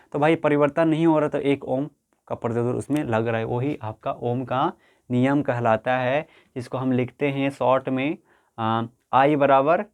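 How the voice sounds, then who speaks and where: A man teaching a school physics lesson, repeating points and asking students if they follow. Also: medium pitch. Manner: repetitive, checks understanding often; homely, colloquial examples. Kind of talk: explaining a lesson.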